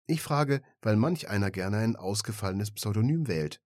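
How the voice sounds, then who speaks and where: A businesslike woman travel agent, as a male narrator puts her on, runs through her questions politely, with a slightly patronizing lift. The voice sits a little above a low male reading voice, and the recording is dry and close. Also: animated, normal speed, darkish tone, no echo, lightly acted. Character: brisk professional woman travel agent on the phone. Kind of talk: audiobook reading.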